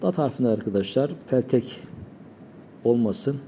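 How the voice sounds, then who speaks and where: Slow, dark-voiced man teaching recitation. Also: medium pitch, a little hiss or hum. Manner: calm explaining, demonstrating sounds slowly. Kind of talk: recitation pronunciation lesson.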